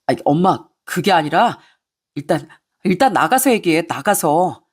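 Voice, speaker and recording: A woman's voice: fairly low pitch, lively intonation, moderate pace, slightly rough. Woman doing a flustered, whiny husband. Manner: pleading, flustered. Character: flustered cheating young husband, cornered and whiny.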